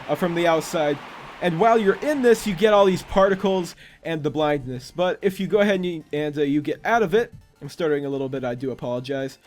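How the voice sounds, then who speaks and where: A man's voice: high-pitched, a little hiss or hum. A young man casually walking viewers through a game creation, chatty and often stumbling over his words. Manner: chatty, stumbles and restarts, self-correcting. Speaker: gaming YouTuber. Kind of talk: casual gameplay walkthrough.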